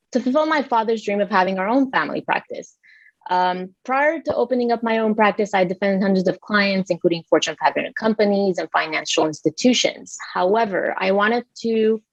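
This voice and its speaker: Gravelly woman on a dull, dry line. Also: medium pitch, no echo. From Lebanon. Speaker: attorney guest. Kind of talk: podcast interview.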